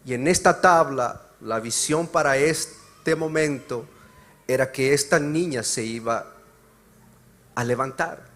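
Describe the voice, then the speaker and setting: A male pastor preaching a sermon, moving between loud emphatic passages and quiet, slow explanation. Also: fairly high pitch. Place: church service.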